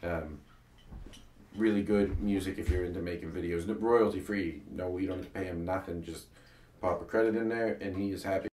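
A man with a lowish voice chats casually about his comedy web series and keeps restarting his sentences. He sounds set back from the mic in a roomy, echoing space. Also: fairly even intonation, brisk, darkish tone, far from the mic, slight background noise. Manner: rambling, restarts sentences often. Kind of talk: casual chat. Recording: echoey room, voice a bit off-mic.

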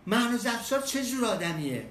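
A man voicing a loud, nosy gas station worker of about thirty-five who shouts his questions across the forecourt. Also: very high voice, sing-song, reverberant, distant mic, a little hiss or hum, pitched above the performer's own voice, full character voice. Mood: prying.

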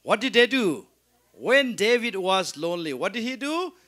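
A Sunday school teacher with a high, sing-song voice and a fairly bright tone speaks at normal speed. He runs an interactive Bible lesson, posing questions and answering them himself. Then he has the class repeat after him in call-and-response fashion.

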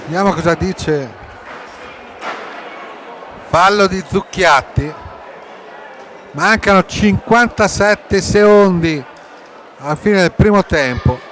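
An Italian man giving excitable live sports commentary, shouting and stretching players' names, recorded in a noisy sports hall. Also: high voice, slow pace, long pauses. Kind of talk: live roller hockey match commentary. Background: crowd and rink noise.

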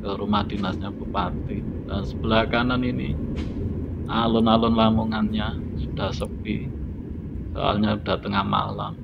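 A man giving relaxed, unhurried commentary while driving at night, recorded on a phone in a car. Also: on the low side, vocal fry. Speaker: driving vlogger. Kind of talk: casual narration while driving. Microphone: phone in a dashboard holder. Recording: dull lo-fi phone audio with loud road noise.

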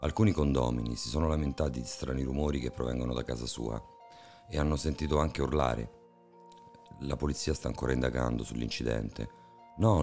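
A stern, formal building manager in a storybook reading, as a man puts him on, reproachful and a little raised above his low, gravelly voice. The tone stays dark.

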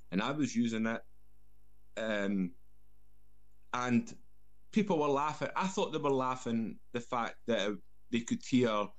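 A man from Scotland with a broad Scottish accent, telling casual anecdotes as a guest and often repeating words. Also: medium pitch. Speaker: guest, former soldier.

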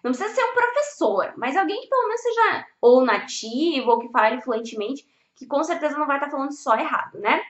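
A woman's voice: sits high, lively intonation, fairly quick, hardly any pauses. A young woman giving a casual video lesson on language learning, blunt and emphatic, swearing freely. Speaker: Spanish teacher. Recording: echoey room, slightly dull audio.

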